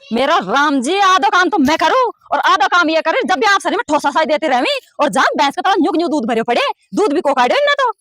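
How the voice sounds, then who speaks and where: A woman's voice: high voice, sing-song, fairly quick, no echo. A woman with a Rajasthani accent playing a complaining mother-in-law in a village comedy sketch. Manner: scolding, complaining loudly.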